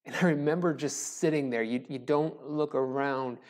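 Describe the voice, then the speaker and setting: With a steady, slightly mellow voice of medium pitch, a pastor in his forties gives a joking, conversational recorded sermon, pausing and making self-deprecating asides. He speaks into a lapel mic in a small church sanctuary with a wooden cross behind, filmed from the chest up.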